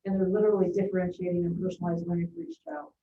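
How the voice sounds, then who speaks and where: A woman's voice: lowish voice, little pitch movement, rapid-fire, a little hiss or hum. A woman at a school board meeting speaking earnestly, with hesitant fillers. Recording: distant, roomy, dull meeting-room audio.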